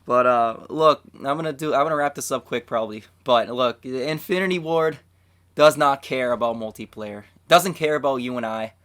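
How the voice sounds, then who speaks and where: A man's voice: mid-range voice, normal speed, fairly bright tone. A young man hosting gaming commentary, losing his voice and cracking at times, ranting in a blunt, fired-up way.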